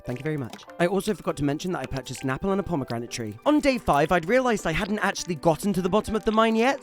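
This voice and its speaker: A man with a notably high voice narrates his farming game in a scripted voice-over, full of playful, theatrical asides. Soft music plays quietly underneath. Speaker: gaming channel host.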